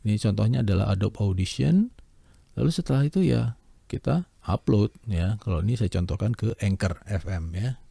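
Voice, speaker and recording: A man lecturing on how to read a script aloud, explaining each element and pausing to demonstrate it with his voice. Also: lively intonation, gravelly, mellow, husky, no echo. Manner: demonstrates pitch, pace and voice color by example. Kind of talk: lecture on script reading, with vocal demos.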